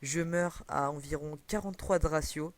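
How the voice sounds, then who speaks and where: A man's voice: a little high, fairly even intonation, moderate pace. A young man commenting casually on a video game over a headset, rambling with many fillers and self-corrections. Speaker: gaming commentator.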